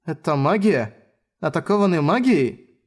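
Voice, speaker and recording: A man's voice: a little high, expressive, unhurried, pitched above the performer's own voice. Brave, earnest young swordswoman in an audiobook, voiced by a male reader in a lifted, girlish register. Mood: shaken.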